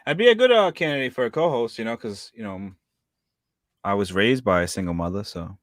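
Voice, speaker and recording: A man's voice: fairly low pitch, lively intonation, brisk, dry recording, clean studio sound. A man in his thirties chatting casually as a co-host, rambling and hesitant with many fillers. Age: 30s. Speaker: live-stream co-host. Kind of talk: casual chat.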